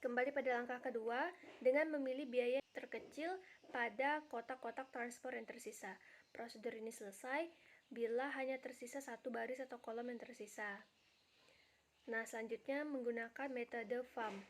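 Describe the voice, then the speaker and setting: A woman's voice: fairly high pitch, moderate pace. Young woman reading a class presentation. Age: young adult. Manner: steady, reads each step in order. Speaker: university student presenting. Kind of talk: read-aloud class presentation.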